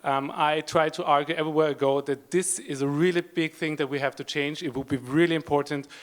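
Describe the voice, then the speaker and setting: A man's voice: fairly high pitch, steady tone, fairly quick. A man speaking, a politician talking on a conference panel, hesitant and full of restarts. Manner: hesitant, many fillers and restarts.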